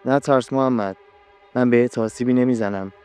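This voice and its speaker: A man voicing a young female jinn who is obsessed and possessive, speaking softly with a menacing edge. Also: medium pitch, steady tone, smooth, soft background music, natural voice.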